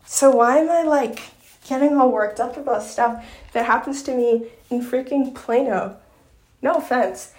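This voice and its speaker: A woman's voice: high voice, a little slow, darkish tone. A young woman from Long Island talking in a casual, rambling vlog chat full of fillers. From Long Island, New York. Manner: chatty, rambling, lots of fillers. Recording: echoey room.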